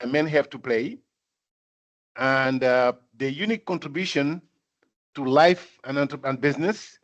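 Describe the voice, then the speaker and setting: An older man from Senegal giving a speech at a corporate event, talking in a measured way, with many fillers and repeated phrases for emphasis. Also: fairly high pitch. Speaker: guest speaker. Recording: dull lo-fi sound.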